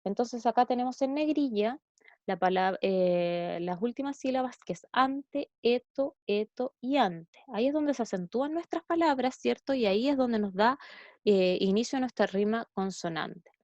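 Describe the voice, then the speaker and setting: A woman's voice: on the high side, lively intonation, moderate pace, a little mellow, no room sound. A woman teacher with a Chilean Spanish accent gives a recorded lesson to pupils, explaining step by step and checking in with "¿cierto?". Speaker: schoolteacher. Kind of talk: recorded classroom lesson over slides. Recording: dull lo-fi dry recording.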